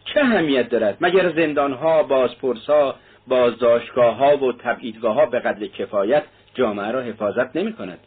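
A man's voice: medium pitch, few pauses, slightly rough, close to an everyday voice. A man reading the part of a defiant young male student who argues in cutting lines. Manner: argumentative, cutting. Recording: tinny narrow-band audio.

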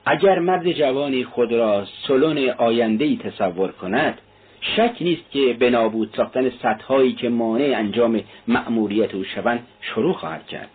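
A man reading the part of a shrewd middle-aged male magistrate who questions in a measured, probing way. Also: mid-range voice, husky, lightly acted. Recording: tinny narrow-band audio.

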